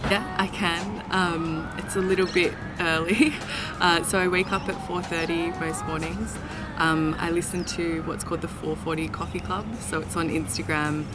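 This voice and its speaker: A woman's voice: fairly low pitch, steady tone, normal speed, very noisy. A woman chatting in a friendly way about her routine in an interview. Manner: friendly, chatty, lots of ums and light laughs. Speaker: interview guest. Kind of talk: casual interview answers.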